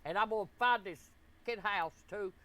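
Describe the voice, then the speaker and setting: A man's voice: a little fast, bright, forceful tone. A man voicing a foul-mouthed, defiant eighty-year-old grandmother in a comedy skit. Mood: defiant ranting. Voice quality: shrill cursing old-lady falsetto. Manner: profane, defiant, ranting.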